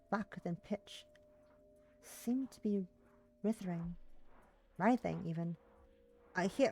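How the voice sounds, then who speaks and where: Playing a game on a live stream, this woman chats casually and reads out visual novel text, now and then tripping over words and going back over them. Her voice is mid-range with a dark tone.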